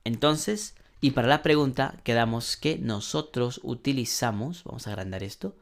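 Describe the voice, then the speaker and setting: A man teaching an online English lesson, slowly modeling sentences and translating them, often clearing his throat. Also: medium pitch. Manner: slow, patient explaining, modeling English sentences then translating.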